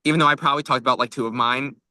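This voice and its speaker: A young man co-hosts a podcast, chatting casually and dropping "like" into his talk again and again. His mid-range voice is steady yet rapid-fire, bright and forceful. The studio-quality recording has no echo.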